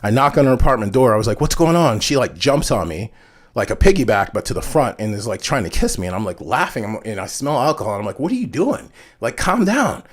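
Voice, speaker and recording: A man's voice: fairly low pitch, expressive, fast. Frank, cussing man telling stories. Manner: frank, profane, heavy use of "like". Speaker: vlog host. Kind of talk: candid storytelling monologue.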